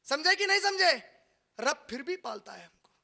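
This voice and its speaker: A man giving an impassioned religious lecture in a hall, moving from quiet asides to loud cries and putting rhetorical questions to his audience. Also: extremely high pitch, sing-song, moderate pace, gravelly. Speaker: preacher.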